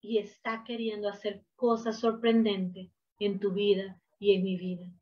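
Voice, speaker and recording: A woman preacher delivering a sermon, emphatic, swinging from hushed to loud, on a dull lo-fi recording. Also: medium pitch, flat delivery, measured pace.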